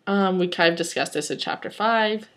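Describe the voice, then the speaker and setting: A woman's voice: fairly low pitch, moderate pace, a bit bright. Woman reading fanfic aloud, casual and rambling, wry asides between passages. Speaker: reader.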